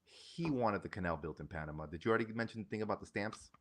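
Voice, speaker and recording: Deep-voiced, agreeable male podcast co-host. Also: fast, a little hiss or hum. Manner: agreeable, animated storyteller. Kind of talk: casual livestream chat.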